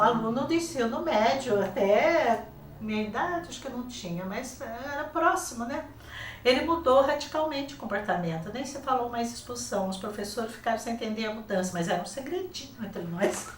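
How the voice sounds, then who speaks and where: Older Brazilian woman, teacher guest; animated storyteller who voices her quotes, fairly high voice, roomy, off-mic studio sound. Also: a little fast, far from the mic, slight background noise. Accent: Brazilian Portuguese. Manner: lively, acts out quoted dialogue. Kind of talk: casual interview storytelling.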